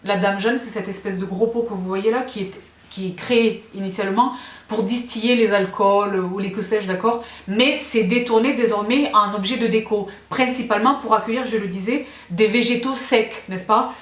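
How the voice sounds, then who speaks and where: A woman's voice: medium pitch, normal speed. A woman vlogging about home decor, chatty and gushing, often checking in with her viewers. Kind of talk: casual show-and-tell vlog. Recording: roomy echo.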